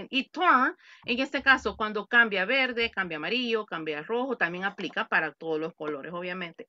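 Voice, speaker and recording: A woman's voice: medium pitch, bright, forceful tone, no room sound, muffled recording. A woman teaching an online English class in Spanish, patiently repeating words and examples for her students. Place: home. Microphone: computer mic on a video call.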